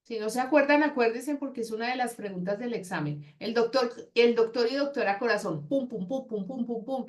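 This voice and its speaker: A woman's voice: fairly high pitch, brisk, hardly any pauses. Woman teaching a counseling class, chatty, acts out little dialogues as she talks. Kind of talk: classroom lecture.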